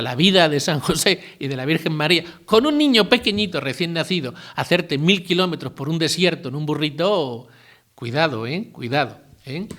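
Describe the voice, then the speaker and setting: Chatty older priest with a lighter voice. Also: male voice, fairly high pitch, fairly bright tone. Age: 50s. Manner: conversational, asks listeners rhetorical questions, adds asides and jokes. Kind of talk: retreat talk.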